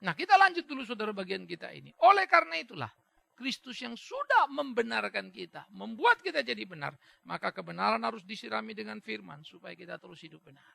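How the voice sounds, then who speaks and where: A man's voice: high-pitched, very animated, fast talker, gravelly, pushed and bright, dry recording. A male pastor preaching a sermon who acts out little dialogues and drops in English phrases.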